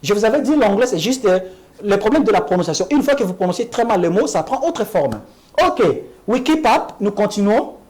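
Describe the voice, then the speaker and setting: On a TV language program, a woman with a lively pitch teaches English. She explains things in French, says the English examples slowly and more than once, and checks in with "Ok?"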